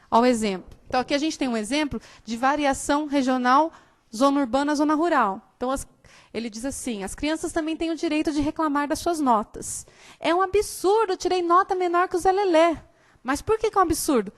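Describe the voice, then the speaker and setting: High-voiced teacher woman from São Paulo. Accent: São Paulo Portuguese, softened by years in southern Brazil. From São Paulo state, Brazil. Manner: explanatory, checks understanding often. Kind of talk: live classroom lecture.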